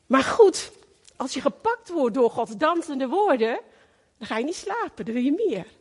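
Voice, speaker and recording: A woman's voice: high-pitched, sing-song, normal speed, big-room sound. A middle-aged woman preaching a sermon in a fervent, emphatic way, repeating her phrases for weight.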